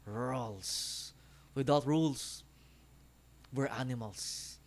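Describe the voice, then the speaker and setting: A man imitating a cold, aristocratic male film villain, speaking in a slow, grave, clipped way. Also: mid-range voice, vocal fry.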